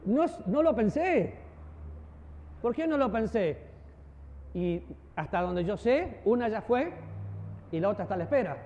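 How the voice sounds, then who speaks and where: Male preacher, high, mellow-toned voice, animated teaching style with playful acted-out asides; dull recording with long reverb. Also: unhurried, pauses often, slight background noise. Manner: animated, acts out voices and gestures, jokes with the audience. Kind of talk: church teaching talk. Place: church hall.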